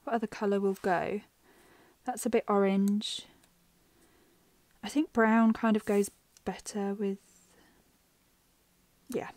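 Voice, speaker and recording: A middle-aged woman planner vlogger thinks aloud and rambles through a chatty plan-with-me video, her voice a little worn and starting to go. The mid-range delivery is flat, slow, and a little mellow, with long pauses, in a dry recording.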